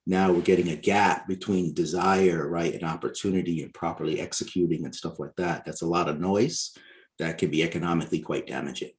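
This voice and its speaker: A man with a very low, deep voice lays out his points in a measured, explanatory way, often tagging "right?" onto his sentences. He is from Barbados and speaks as a guest author on a podcast interview. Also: steady tone.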